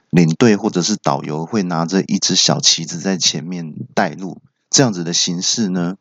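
A man from Taiwan, hosting a comedy podcast and telling self-mocking stories in a deadpan way. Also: sits low, dry recording, dull audio. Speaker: podcast host. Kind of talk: comedy monologue.

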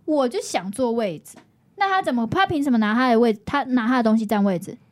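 A woman's voice: a little high, expressive, fast talker. A woman with a Taiwanese Mandarin accent, co-hosting a podcast in casual chat, feisty and eager to argue. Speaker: podcast co-host.

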